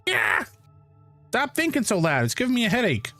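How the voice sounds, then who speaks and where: A man voicing a tiny, cheeky ant from a hive mind in a squeaky little voice, as he reads a fantasy game aloud. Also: wildly swooping pitch, normal speed, sharp tone, no room sound, faint music behind, heavily acted. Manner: cheeky, defensive, talks of itself as we. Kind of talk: voicing a game character while reading aloud.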